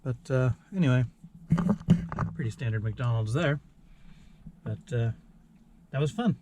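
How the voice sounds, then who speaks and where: A man's voice: medium pitch, a little slow. American man hosting a snack-tasting vlog. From United States. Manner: easygoing, explains each snack. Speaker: vlog host. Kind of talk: casual food-tasting vlog. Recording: noisy background ambience.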